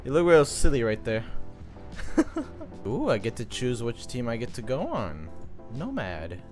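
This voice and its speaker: Excitable young man narrating gameplay. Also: medium pitch, normal speed. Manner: animated, playful, shouts at the game. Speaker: gaming video creator. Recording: game music playing softly behind.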